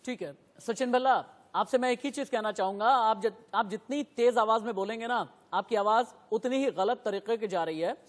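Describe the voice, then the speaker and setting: A man's voice: moderate pace, hardly any pauses, big-room sound. A man moderating a TV news debate who firmly keeps order among his guests. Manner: firm, repeatedly tells a guest to lower his voice.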